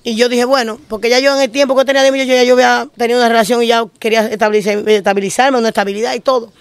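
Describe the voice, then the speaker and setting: A woman pastor with a Dominican Spanish accent recounts her testimony at a rapid clip, often repeating phrases in short bursts. Her voice is clean and crisp, recorded close and dry with no room echo. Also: a little high, steady tone. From Dominican Republic. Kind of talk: emotional testimony storytelling. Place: living in Spain.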